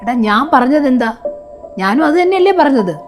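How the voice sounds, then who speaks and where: A woman's voice: sits high, very animated, a little fast. Lady playing a nagging middle-aged mother-in-law, bossy and scolding, music in the background. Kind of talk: short film drama.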